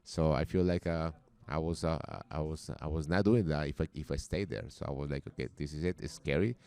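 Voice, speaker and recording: A man's voice: extremely low pitch, a little fast, dark tone, clear, resonant tone. A man in his forties with a Colombian accent, a podcast guest who often halts and repeats words as he talks. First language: Spanish. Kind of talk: casual interview talk.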